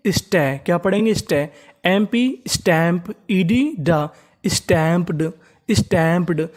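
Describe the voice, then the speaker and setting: A mid-pitched teacher voice running an English reading drill. The teacher spells each word letter by letter and poses quick questions to the viewer. Each word is answered and then drawn out slowly in repetition. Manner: slowly repeats each target word several times. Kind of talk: spoken lesson spelling out English words in Hindi.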